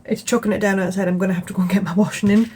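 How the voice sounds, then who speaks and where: A young woman with a British accent talks through her crochet in an easy, rambling way, full of ums and asides. Her voice is soft and mellow, and a faint hiss of room noise sits under it. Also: mid-range voice, racing, low-quality recording. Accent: British English. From England. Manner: chatty, relaxed, rambling with fillers. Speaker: crochet vlogger. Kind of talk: casual tutorial chat. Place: home, indoors.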